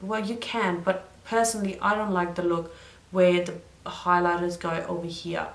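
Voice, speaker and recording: A woman's voice: on the low side, little pitch movement, normal speed. A young woman chatting through a makeup tutorial, drifting into side stories and correcting herself as she goes. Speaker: beauty vlogger. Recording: roomy echo.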